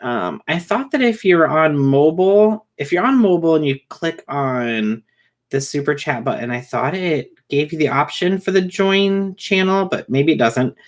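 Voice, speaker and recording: A man hosting a casual livestream who talks fast and rambles, with many fillers and restarts. He is short on sleep. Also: on the high side, animated. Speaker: livestream host reading chat.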